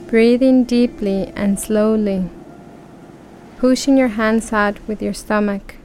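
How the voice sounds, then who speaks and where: A woman guiding a relaxation breathing exercise, speaking calmly and counting breaths aloud with long pauses. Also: mid-range voice, slight background noise. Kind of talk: guided relaxation script.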